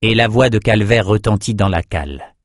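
Low-voiced male audiobook narrator. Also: normal speed, dry recording, studio quality. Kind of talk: scripted fantasy narration.

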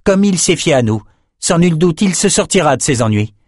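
A bold young sorceress, commanding and sure of herself, as a man puts her on. Her voice rises well above a man's usual register. She speaks firmly and loudly, in a very dry, close sound. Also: fairly high pitch, very animated, moderate pace, no room sound, voice pushed up. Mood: determined. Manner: raised, firm, assertive delivery.

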